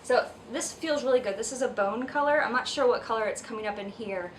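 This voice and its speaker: A woman's voice: a little high, brisk. A woman wedding photographer, slightly out of breath, chatting casually with lots of ums and restarts as she shows off an album at home. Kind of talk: casual video vlog. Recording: slightly distant mic, faint household noise. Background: kids screaming upstairs.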